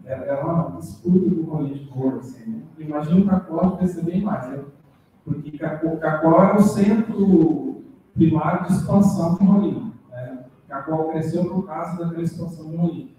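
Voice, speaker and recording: Male seminar discussant, dark mellow tone, slightly high-pitched, taped from across an echoey room with faint noise. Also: recorded from a distance. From Brazil, Rondônia. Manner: halting, with many tag questions and restarts. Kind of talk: academic feedback in a seminar.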